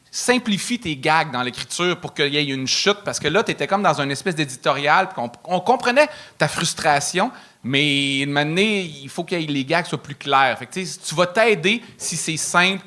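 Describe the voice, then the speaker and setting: A man's voice: fairly high pitch, animated, moderate pace, pushed and bright. A Quebec French man judging a comedy set live, teasing and then giving frank advice. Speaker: comedy judge.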